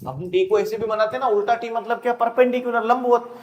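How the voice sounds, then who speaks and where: A man teaching a rapid-fire exam revision lesson, playful and animated, acting out sounds and student lines. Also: very high-pitched, reverberant, highs cut off, a little hiss or hum.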